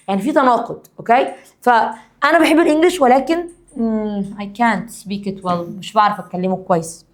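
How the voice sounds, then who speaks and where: An Egyptian woman teaching a classroom grammar lesson in a voice of middling pitch for a woman. She explains at a brisk clip, then slows right down to read each English example word by word. Her Egyptian Arabic accent runs through the whole lesson.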